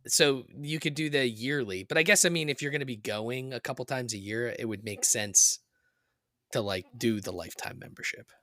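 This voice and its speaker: A man's voice: medium pitch, moderate pace, dry recording, clean studio sound. A man co-hosting a podcast in casual chat, talking loosely with lots of "like" and "dude". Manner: excited, laid-back, lots of "like" and "dude". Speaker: podcast co-host.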